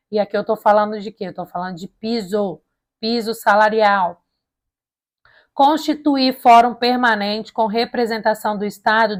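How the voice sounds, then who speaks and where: Her voice leaning high, this Brazilian woman lectures casually on an education plan, covering it point by point for students studying for a public service exam. She has slightly slushy, tongue-tied s sounds, poses and answers her own questions, and keeps checking in with listeners in colloquial style.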